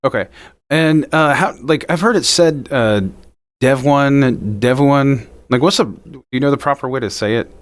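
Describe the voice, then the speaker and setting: A man's voice: mid-range voice, fairly quick, a bit bright. A man hosting a podcast interview, asking curious follow-up questions in a casual tone. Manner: curious, asks follow-up questions, laughs easily. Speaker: podcast host.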